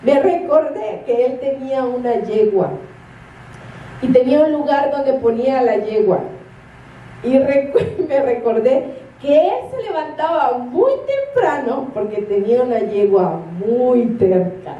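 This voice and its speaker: A woman's voice: high-pitched, lively intonation, measured pace, lo-fi sound, slight background noise. A woman, a minister preaching a sermon and telling stories with acted-out quotes and laughter. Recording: echoey room from a distance.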